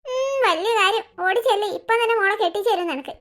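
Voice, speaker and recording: A timid young cartoon man afraid of ghosts, voiced by a woman, whining nervously. The voice is very high and bright. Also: fast talker. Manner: nervous, whiny.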